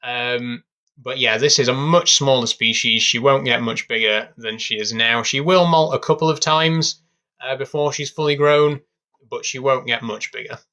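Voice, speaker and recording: A young Englishman rambles casually on a live stream from his bedroom at home, filling his talk with lots of fillers. His mid-range voice moves at a moderate pace, and his manner is relaxed and meandering.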